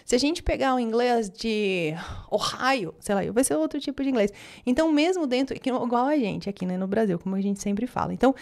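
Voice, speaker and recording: Mulher falando rápido, tom agudo. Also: female voice, fairly high pitch, lively intonation, brisk, darkish tone. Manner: chatty, many fillers and self-corrections. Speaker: English teacher. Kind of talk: casual online lesson.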